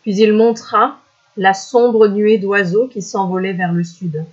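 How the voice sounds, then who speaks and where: Measured storybook reader on a dull recording. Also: mid-range voice. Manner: measured, expressive narration. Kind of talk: storybook reading.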